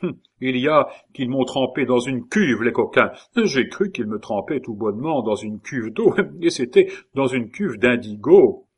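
A man's voice: medium pitch, lively intonation, unhurried, slightly rough. A man reading aloud, voicing a boastful swearing young male courtier who has been dyed blue. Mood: indignant. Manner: blustering, swears oaths. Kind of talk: audiobook reading.

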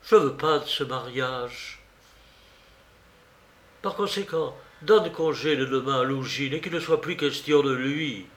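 A man's voice: mid-range voice, a little slow, close to an everyday voice. A man reading a feverish, commanding young man. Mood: stern. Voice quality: loud and insistent. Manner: urgent and commanding. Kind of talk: audiobook character reading. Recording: roomy recording.

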